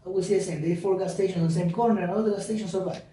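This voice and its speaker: Man, dark, very echoey room. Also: high voice, steady tone, very fast. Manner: non-native grammar, warm storytelling. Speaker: gym owner, guest. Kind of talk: casual podcast conversation. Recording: very echoey room, mic far off.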